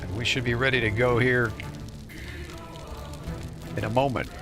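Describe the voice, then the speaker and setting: A man's voice: medium pitch, moderate pace, gravelly, music in the background. A man streaming a game live, reading patch notes aloud and chatting to viewers in a playful, jokingly boastful way. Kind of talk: live gameplay commentary and patch-note reading.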